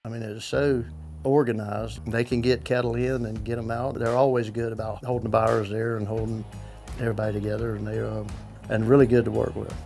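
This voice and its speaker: A man with a gravelly voice talking casually in an interview as a cattle producer. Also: fairly low pitch, level tone, brisk, darkish tone, faint music behind.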